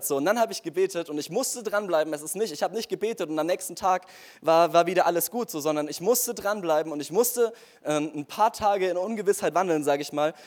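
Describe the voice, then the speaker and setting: A man's voice: a little high, darkish tone. A young man giving an earnest, casual sermon-style testimony, speaking straight to his listeners with frequent fillers.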